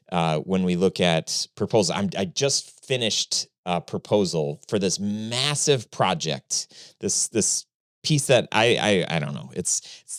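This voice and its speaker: Guy hosting a podcast, lowish voice, rambly and halting, lots of restarts, dry close sound. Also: clean tone, dry recording. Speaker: podcast host. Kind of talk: casual interview chat.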